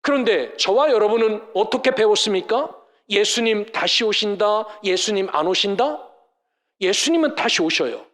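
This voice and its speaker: A man's voice: sits high, lively intonation, moderate pace, fairly bright tone. A male pastor preaching a sermon at a church service, emphatic and full of rhetorical questions to the congregation. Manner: mimics scoffers in mocking voices.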